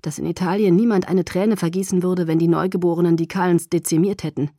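A woman reading an audiobook, voicing a calm, protective young male vampire who speaks low and quietly through gritted teeth. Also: fast, no echo, clean studio sound. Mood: tense, reassuring. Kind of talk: audiobook character voice.

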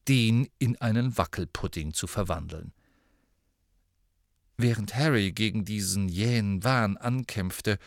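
A man narrating a novel in expressive storytelling style. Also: on the low side, dry recording, clean studio sound. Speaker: audiobook narrator. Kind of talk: scripted narration.

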